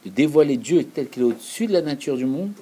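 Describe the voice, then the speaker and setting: A man's voice: a little high, lively intonation, fast, dark tone, slightly rough, rough recording. A man giving an earnest, explanatory Torah lesson, repeating key phrases for emphasis. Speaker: Torah teacher.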